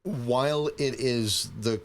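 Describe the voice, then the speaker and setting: A man's voice: medium pitch, slow pace. A man co-hosting a podcast, chatting casually and rambling with restarts and frequent "right?" asides. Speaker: podcast co-host. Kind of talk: casual chat.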